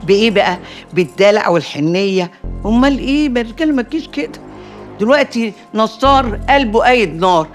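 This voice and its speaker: An actress playing a shrewd, proverb-quoting older matriarch with an Egyptian Arabic accent, in a TV drama. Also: female voice, medium pitch, animated, fast, soft background music, natural voice. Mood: scheming. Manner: sly, proverb-quoting, teasing. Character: shrewd older neighborhood matriarch, scheming aunt figure. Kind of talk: TV drama acting.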